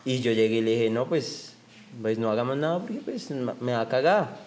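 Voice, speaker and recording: A man's voice: mid-range voice, expressive, fairly quick, darkish tone, slight background noise. A young man with a Colombian accent, telling crude, joking stories in a casual chat full of slang.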